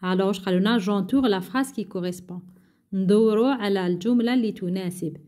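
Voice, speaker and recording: Woman teacher, slow and patient, says every word twice then translates it. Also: medium pitch, dark tone. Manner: slow, patient, repeats words and translates French into Arabic. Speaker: primary school teacher. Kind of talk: workbook lesson.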